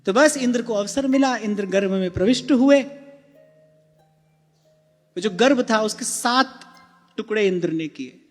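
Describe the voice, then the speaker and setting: A man with a very high voice gives a slow, gentle devotional talk and keeps turning to his listeners with questions. His voice carries a long hall echo, with soft music playing behind it. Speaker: spiritual discourse speaker. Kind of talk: devotional discourse.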